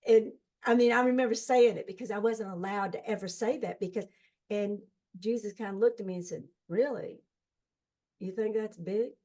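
A woman's voice: medium pitch, fairly even intonation, a little fast, warm tone. An older woman earnestly telling her near-death experience story as an interview guest, fervent and emphatic.

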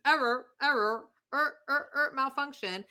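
A woman's voice: high voice, a little slow, sharp tone, pitched above the performer's own voice. A woman on a casual podcast briefly imitating a glitching, malfunctioning robot, stuttering out mock error sounds. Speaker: podcast co-host.

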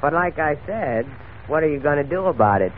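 A man's voice: fairly high pitch, expressive, brisk, natural voice. A young American hoodlum, played by a male actor, talks in a wry, laconic, cynical way as a gangster's henchman. It is 1940s radio acting, heard through a narrow, slightly noisy old recording. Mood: cynical, needling.

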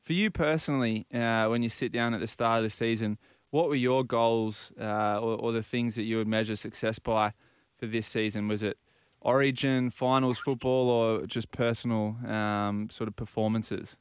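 Smooth-voiced Australian man hosting sports talk. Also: on the low side, fairly even intonation, normal speed, no echo, studio quality. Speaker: sports show host. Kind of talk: casual interviewing.

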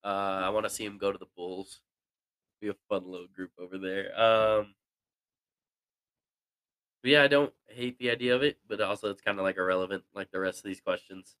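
Laid-back young guy, low voice. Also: fairly even intonation, fairly quick, long pauses, fairly bright tone, smooth, no echo. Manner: laid-back, jokey, slangy replies. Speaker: podcast co-host. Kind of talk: casual sports chat.

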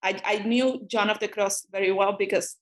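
A woman who grew up in Cuba, a native Spanish speaker, talks as a guest scholar in an academic interview. Her voice sits in a middle pitch. She thinks aloud, circling back and restarting phrases as she goes. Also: fairly even intonation, normal speed. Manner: thoughtful, frequent restarts.

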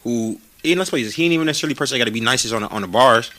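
Speaking very fast and animatedly in a mid-range, slightly bright voice, a man in his late twenties co-hosts a podcast. An aspiring rapper, he keeps the casual chat slangy and profane, often repeating words while he thinks.

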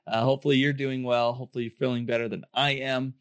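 A hoarse man hosts a podcast, speaking casually straight to listeners. His voice sounds under the weather and sits at a middling pitch, recorded dry and close with hardly any room around it. The delivery stays informal and upbeat. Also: level tone, quick pace, no echo. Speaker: podcast host.

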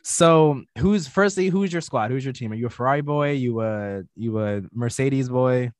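A male podcast host talks in a laid-back, slangy way and lights up easily as the chat goes on. His voice sits at a mid pitch and sounds close and dry, with no room around it. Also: normal speed, dry recording. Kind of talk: casual interview chat.

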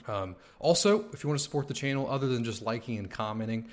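A man hosting a casual podcast interview, loose and relaxed, leaning on lots of "you know"s, talking around a sore tooth. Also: mid-range voice, fast talker. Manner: relaxed, filler-heavy talk with many "you know"s. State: sore mouth from a tooth coming in. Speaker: podcast host.

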